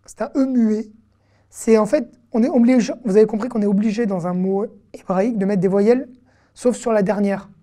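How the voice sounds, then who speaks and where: A woman's voice: medium pitch, steady tone, moderate pace, mellow. A woman teaching an online language lesson, patiently repeating each word several times and explaining it. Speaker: Hebrew teacher.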